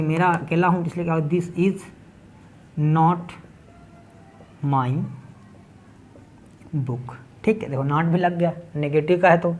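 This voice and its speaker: There's a little hiss or hum on the recording of this fairly high-pitched man. A teacher from Chhattisgarh, India, he explains English grammar at a board in Hindi with a local accent, step by step, repeatedly checking in with "ठीक है".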